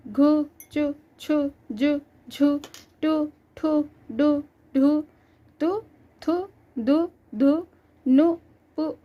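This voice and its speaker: Slow, high-voiced woman teaching a lesson. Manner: slow, clear, patient teacher's delivery. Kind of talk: children's Hindi lesson, reading syllables aloud.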